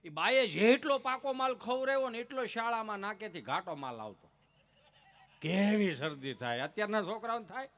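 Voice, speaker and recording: A man telling comic folk stories on stage, with a lively, teasing delivery and punchy repetition. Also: high-pitched, brisk, hardly any pauses. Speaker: stage comedian.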